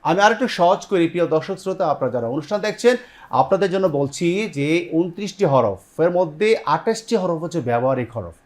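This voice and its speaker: A slightly high, lively-toned man from Bangladesh, a Quran recitation teacher and TV host, gives a step-by-step tajweed lesson on television. He quizzes students, echoes their answers, and articulates Arabic words slowly.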